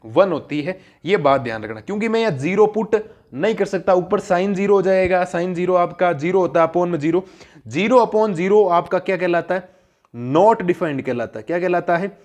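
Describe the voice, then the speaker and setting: A high-voiced man takes students through a classroom math lesson. He keeps asking questions and answers them himself, and he repeats each key point so it sticks. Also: darkish tone. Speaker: math teacher.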